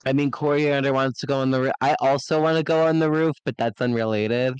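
A man playing a tabletop game with friends talks casually and bluntly, swearing freely and drifting into tangents. His voice is mid-pitched, smooth and resonant, and it sounds dry and close. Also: fairly even intonation, a little fast, no echo, lo-fi sound. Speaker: player. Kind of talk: casual chat.

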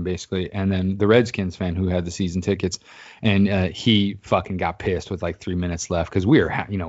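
Man, low register, casual profane storyteller, dull lo-fi recording. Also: darkish tone. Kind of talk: casual chat. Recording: dull lo-fi sound.

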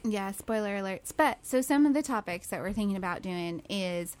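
A woman's voice: medium pitch, animated, moderate pace. A woman in her thirties hosting a casual podcast, upbeat and chatty. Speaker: podcast host. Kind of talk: casual chat.

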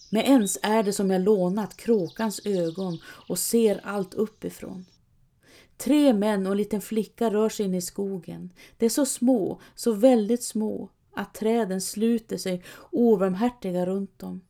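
A woman narrating a first-person audiobook story in a hushed, tense way. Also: medium pitch.

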